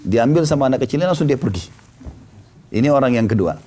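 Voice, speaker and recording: Warm-voiced preacher telling a story. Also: male voice, fast. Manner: lively storyteller acting out quoted voices, pitch rising and falling. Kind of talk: storytelling sermon.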